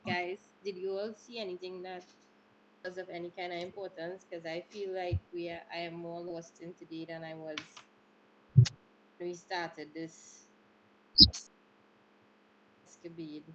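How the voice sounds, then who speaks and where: A woman's voice: lowish voice, flat delivery, a little slow, pauses often, lo-fi sound. A woman playing a tabletop game, speaking in a hesitant, questioning way. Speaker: player.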